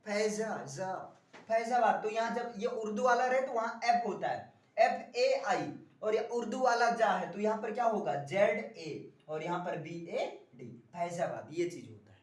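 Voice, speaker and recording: Guy teaching a class, keeps quizzing the kids, sounds far off in a boomy room. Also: animated, unhurried, echoey room. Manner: drills the class with repeated questions. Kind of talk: classroom spelling lesson.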